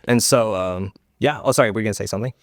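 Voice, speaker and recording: Laid-back coach guy hosting a podcast, kinda low voice, says dude a lot, dry mic. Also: very fast, no echo. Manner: upbeat, says "dude" a lot, many restarts. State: winded after a workout. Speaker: podcast host and gym coach. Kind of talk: casual podcast chat.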